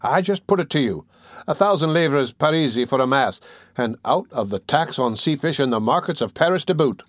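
Brief: shrill complaining old market woman, read by a man, dry sound. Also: animated, moderate pace, no echo. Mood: indignant. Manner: sharp, complaining. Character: sharp-tongued old fishwife woman.

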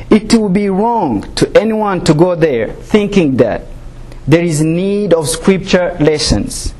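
A man from Rwanda gives a personal testimony as a student speaker. He talks haltingly, with many fillers and restarts, and sounds nervous. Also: sits high, a little mellow, breathy edge.

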